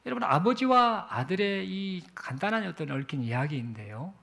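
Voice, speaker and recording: A male pastor telling a story in a sermon, animated and acting out the quotes. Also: high-pitched, normal speed, vocal fry.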